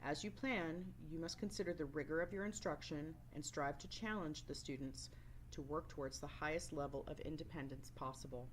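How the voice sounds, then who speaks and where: With slight background noise and poor audio, a woman with a deep voice speaks briskly. She is a work-based learning resource teacher voicing over a scripted training presentation in an instructional, explanatory manner.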